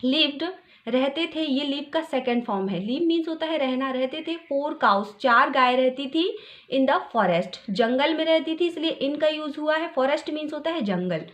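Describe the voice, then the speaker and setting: A young woman giving a tutorial lesson, reading English story lines slowly and explaining each word. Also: sits high, animated. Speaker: English teacher.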